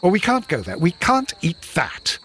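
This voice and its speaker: Doctor Watson, fussy, higher-voiced English gentleman. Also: huge pitch swings, slight background noise, exaggerated voice. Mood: disgusted. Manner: proper, indignant, measured. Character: respectable Victorian English doctor, exasperated, fussy loyal companion. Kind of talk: video game voice acting.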